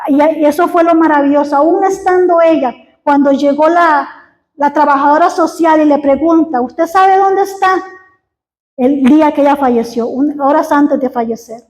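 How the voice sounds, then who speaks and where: High-voiced woman preaching in an echoey hall. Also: darkish tone. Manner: earnest, halting, with frequent restarts. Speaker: preacher giving a testimony. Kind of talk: sermon testimony. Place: church hall.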